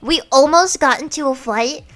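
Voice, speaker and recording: A woman's voice: high voice, normal speed, fairly bright tone. A young American woman streamer chatting casually and animatedly, giggling as she tells stories. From United States. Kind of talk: casual chat.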